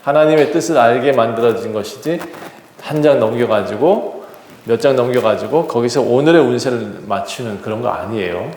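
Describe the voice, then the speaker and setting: A male pastor preaching a sermon, retelling a scripture story with acted dialogue and lively emphasis. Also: medium pitch, moderate pace, a little hiss or hum. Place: church sanctuary. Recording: echoey hall reverb.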